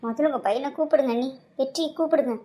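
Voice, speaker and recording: A fierce, protective mother in a cartoon drama, played by a woman. She speaks high and hard, accusing and demanding answers. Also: quick pace, warm tone, a little hiss or hum, close to an everyday voice. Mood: angry. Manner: accusing, confrontational.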